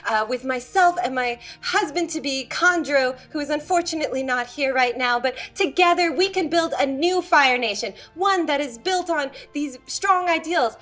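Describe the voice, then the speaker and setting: Brief: fervent female preacher for a tabletop game, high and loud, put on by a woman. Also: normal speed, few pauses, soft background music. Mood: beseeching. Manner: pleading, grand speech.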